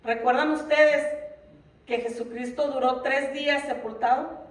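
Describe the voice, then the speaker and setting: High-voiced woman preaching in an echoey church. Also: fairly even intonation, unhurried. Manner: earnest, with many rhetorical questions to the congregation. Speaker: Bible teacher in a church ministry. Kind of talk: Bible lesson sermon. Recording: roomy echo from a distant mic.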